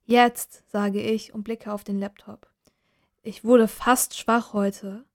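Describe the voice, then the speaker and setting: Slow calm woman reading a story. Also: medium pitch. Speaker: reader. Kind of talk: first-person audiobook narration.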